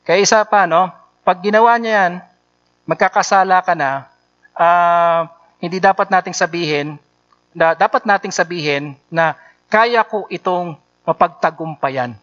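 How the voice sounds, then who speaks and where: A man's voice: high-pitched, measured pace, pauses often, a bit bright. A male pastor preaching a sermon in a conversational way, often checking in with his listeners through short tag questions. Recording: dull lo-fi sound.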